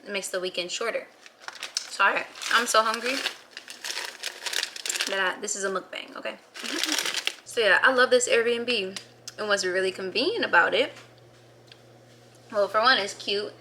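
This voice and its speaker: A woman's voice: medium pitch, measured pace, pauses often, background noise. A woman vlogging in casual chat indoors in a small rental, bubbly and playful, laughing often. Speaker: travel vlogger. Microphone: camera mic, talking to camera.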